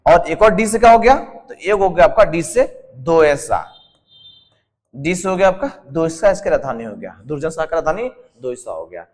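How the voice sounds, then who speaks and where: A man's voice: a little high, very animated, normal speed, a little mellow, in a large hall. A man with a Jharkhand Hindi accent teaching an exam-prep lesson, quizzing the class and repeating each term again and again. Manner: drills answers as questions, repeats each term; constantly adds a respectful "sir" to the students. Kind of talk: whiteboard lesson with a mnemonic.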